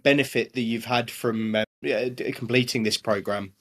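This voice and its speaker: A man's voice: medium pitch, fairly even intonation, moderate pace, a bit bright. A man who hosts an interview, asking short questions and giving brief encouraging replies, with some stumbles.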